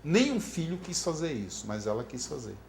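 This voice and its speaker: Animated Brazilian man telling a story, echoey room. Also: on the high side, moderate pace, gravelly. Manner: animated, acts out quoted voices. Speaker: teacher of floral remedies. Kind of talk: storytelling lecture. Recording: echoey room with faint background noise.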